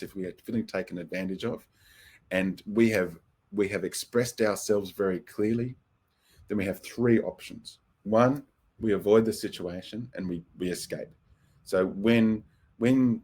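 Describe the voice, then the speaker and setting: A middle-aged New man with a low, slightly husky voice leads a counseling webinar. He talks in a relaxed, thoughtful way, dotted with fillers, and acts out example phrases as he explains. The sound is that of a desk mic on a video call. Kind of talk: conversational webinar teaching.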